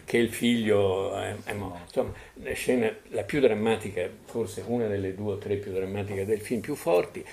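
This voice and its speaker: Low-voiced man telling rambling anecdotes. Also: moderate pace, creaky, few pauses, darkish tone, a little hiss or hum. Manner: digressive, many fillers and tag questions. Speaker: panelist at a book presentation. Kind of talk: anecdotal public talk. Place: bookshop event room.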